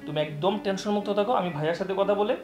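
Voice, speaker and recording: A man's voice: high-pitched, racing, soft background music, natural voice. An actor playing a younger son who soothes his wife and urges his brother to act. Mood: reassuring. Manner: coaxing, reassuring. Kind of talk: village TV drama acting.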